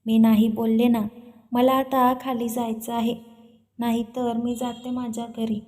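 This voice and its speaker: A woman's voice: a little high, flat delivery, measured pace, darkish tone, natural voice. A woman voicing a stubborn, dramatic young woman who sulks and demands in a storybook reading. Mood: sulky. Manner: petulant, demanding.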